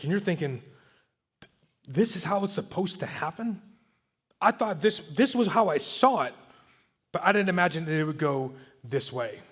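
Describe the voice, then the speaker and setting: A man delivers a youth sermon in a high, bright-sitting voice. He swings between loud, emphatic declarations and soft, hushed asides. The live church hall rings with a long reverb behind him. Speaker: youth speaker.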